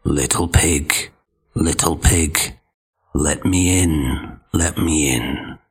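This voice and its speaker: Man doing a slow, growly big bad wolf. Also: extremely low pitch, breathy edge, voice pushed down, heavily acted. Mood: menacing. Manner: slow, menacing, then falsely friendly. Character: big bad male wolf, hungry and scheming.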